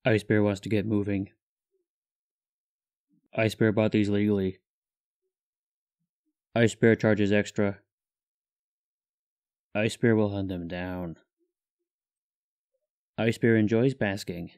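Deadpan deep bear guy, flat monotone, short clipped lines, slow, cartoon. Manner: terse, clipped sentences. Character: deadpan stoic male bear, speaks in third person.

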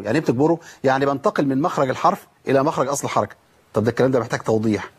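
A man's voice: medium pitch, slightly rough. A man with an Egyptian accent teaching the rules of Quran recitation. He asks questions and answers them himself, and repeats sounds to demonstrate them.

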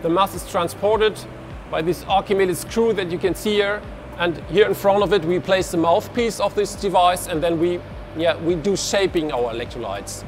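A man, giving a walking tour of an industrial hall and explaining with his hands as he talks into a lapel mic. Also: high voice. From Germany. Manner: explains with hand gestures, frequent restarts. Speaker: researcher giving a lab tour. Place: large industrial hall, indoors.

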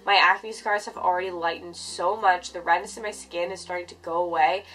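A woman's voice: fairly low pitch, fairly even intonation, brisk, a bit bright, a little hiss or hum, poor audio. A woman in her twenties with a stuffy nose from a cold, chatting casually to camera like a beauty vlogger. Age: 20s. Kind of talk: casual skincare vlog talk to camera. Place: furnished bedroom, indoors.

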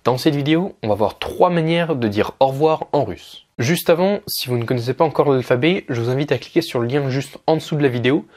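A man's voice: medium pitch, fairly quick, few pauses, darkish tone. Young man, language teacher, casual explaining, fillers and restarts. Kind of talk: casual video lesson.

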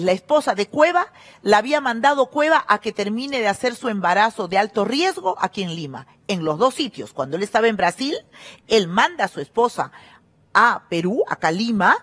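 A woman's voice: mid-range voice, a bit bright. A middle-aged woman, hosting a gossip show and commenting in an emphatic, scornful way. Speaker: TV show host.

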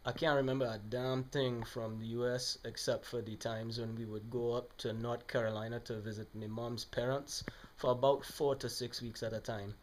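A man's voice: medium pitch, flat delivery, normal speed, a little hiss or hum, close to an everyday voice. A man playing a blunt, exasperated alter ego with a Trinidadian accent in a comedy sketch interview. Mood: mildly exasperated. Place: living room, on a sofa.

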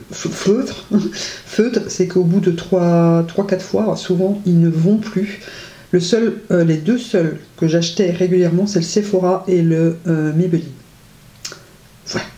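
This woman, a beauty vlogger, chats about makeup in a casual review, full of enthusiasm, hesitations and effusive compliments. She has a warm, lowish voice, and the recording carries a roomy echo.

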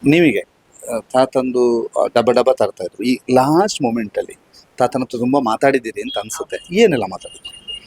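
A male reporter for a local news channel, prompting his guests with short questions. His voice is a little husky. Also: mid-range voice, lively intonation, moderate pace, darkish tone, poor audio. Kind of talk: field interview.

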